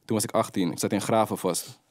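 A young adult man, a rapper guest telling street stories in animated, slang-heavy casual talk. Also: fairly low pitch, fast talker, dry recording. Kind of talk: casual interview storytelling.

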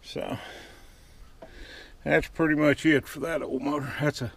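A man's voice: on the high side, fairly even intonation, a little slow, vocal fry, husky. A man, giving a casual walkaround tour of his sawmill yard outdoors, talking in folksy dialect into a head-mounted camera. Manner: folksy rural dialect with double negatives. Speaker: sawmill owner. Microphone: head-mounted action camera.

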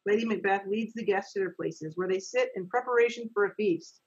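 Over a video call from her home office, a middle-aged woman narrates an amateur readers' theater, reading the stage directions. Her medium-pitched voice is fairly quick, darkish and husky, and the highs are cut off.

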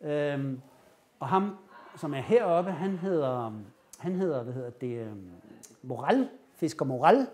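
A man with a fairly high voice gives a lecture, telling a story in lively fashion. He acts out the lines he quotes. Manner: animated retelling, acting out quoted lines. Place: lecture room.

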